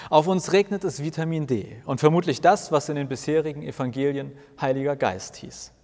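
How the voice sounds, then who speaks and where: A man's voice: a little high, a little mellow. A man narrating a first-person story for a weekly sermon podcast in a wry, self-mocking tone. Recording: long reverb.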